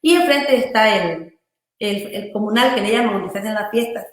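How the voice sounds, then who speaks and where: A woman's voice: mid-range voice, moderate pace. A woman pastor from Honduras, telling her personal testimony in an interview, earnestly and loosely, often checking in with her listener. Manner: earnest, loose storytelling with frequent "¿verdad?" and "hermano" tags. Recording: very echoey room.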